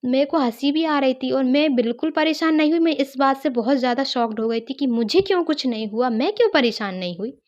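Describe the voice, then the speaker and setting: A woman's voice: high voice, lively intonation, a little fast, few pauses, a little mellow, dull audio. A woman earnestly telling a personal story, retelling what others said to her. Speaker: guest sharing a personal testimony.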